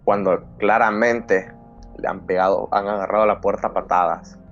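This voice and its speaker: A man's voice: on the low side, steady tone, normal speed, lo-fi sound, soft background music. A male podcast host tells a personal scary story dramatically, acting out his frightened younger self. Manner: dramatic storyteller who acts out his own fearful past self.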